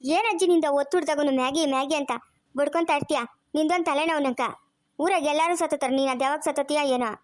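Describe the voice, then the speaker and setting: A woman voicing a sharp-tongued, impatient young granddaughter in a cartoon, talking back in a rural Chikkaballapur Kannada accent. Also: high-pitched, quick pace, no echo, close to an everyday voice. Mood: mocking. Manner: mocking, talks back. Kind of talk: cartoon voice acting.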